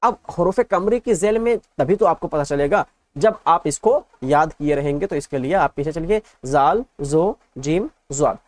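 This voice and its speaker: A man's voice: a little high, expressive, moderate pace. A male teacher giving an exam-prep lesson, patiently drilling letters in repeated lists and asking the class check questions.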